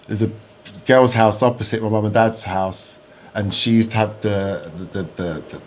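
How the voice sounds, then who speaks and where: Man, late forties, low voice, rambling casual talk, faint background noise. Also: fairly even intonation, normal speed. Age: 40s. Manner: rambling, full of fillers and restarts. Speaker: podcast host. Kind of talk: casual chat.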